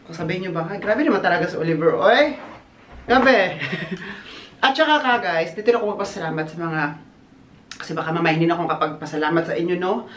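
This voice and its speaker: A man chatting casually in a birthday vlog, animated and laughing often, slipping English phrases into his talk. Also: high-pitched, a little hiss or hum. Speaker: vlogger. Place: outdoors on a windy day. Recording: echoey, roomy sound.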